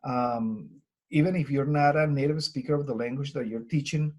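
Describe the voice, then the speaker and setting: Man, Colombian Spanish accent, husky voice, medium pitch, earnest webinar talk, lots of ums and uhs. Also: darkish tone. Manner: earnest, conversational, frequent fillers. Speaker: language teacher presenter. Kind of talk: webinar presentation.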